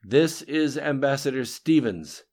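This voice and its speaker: Casting: man doing a pressured male ambassador, insistent, clipped, raised above his low voice. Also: animated, unhurried, darkish tone. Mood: urgent, insistent. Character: urgent, commanding male ambassador under pressure.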